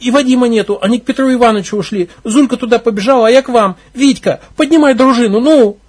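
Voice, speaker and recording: A man's voice: extremely high pitch, fast talker, darkish tone, voice pushed up. A man voicing a frightened young village girl who pleads breathlessly, close to tears. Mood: pleading, urgent.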